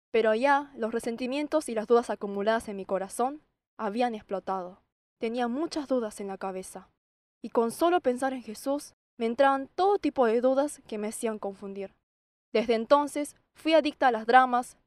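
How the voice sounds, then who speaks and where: A woman's voice: fairly high pitch, no room sound. A young woman from South Korea giving a personal faith testimony, telling it expressively and acting out her own past words. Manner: expressive, acts out her own past shouts and quoted lines.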